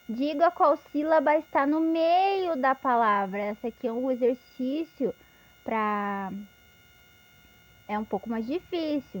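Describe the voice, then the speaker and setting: A woman giving an instructional lesson, patiently explaining step by step with examples. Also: a little high. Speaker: teacher.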